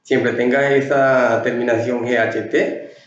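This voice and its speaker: A man's voice: mid-range voice, flat delivery, takes it slowly. A man teaching a class on basic greetings, explaining patiently, stretching out the key words and asking "ok?" to check that the students follow. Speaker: English teacher. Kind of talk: classroom lesson explaining English greetings in Spanish. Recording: echoey room, voice from a distance, dull sound.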